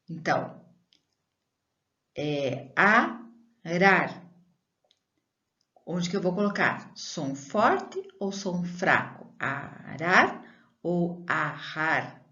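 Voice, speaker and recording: Slow, low-voiced woman teacher. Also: muffled recording. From Brazil. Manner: slow, drawn-out word reading with questions to pupils. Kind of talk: primary school lesson.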